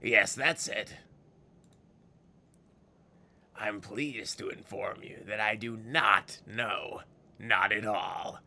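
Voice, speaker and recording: An old exiled fiend from a fantasy game, low and gravelly with a sharp, forceful edge. He is scornful and scheming, theatrical like a ghoulish villain, savoring each word and spitting out his disgust. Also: slow pace, exaggerated voice. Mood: gloating. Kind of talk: dramatic video game character read-aloud.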